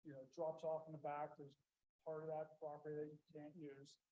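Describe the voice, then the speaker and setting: A man testifying as a property owner at a public hearing, plain-spoken and halting, often repeating his words. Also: on the high side, monotone, narrow, tinny audio, slight background noise.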